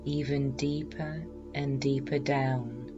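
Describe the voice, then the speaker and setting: A woman hypnotherapist guiding a self-hypnosis session in a calm, meditative, soothing way. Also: a bass voice, takes it slowly, muffled recording, over music. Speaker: hypnotherapist and weight loss coach, podcast host.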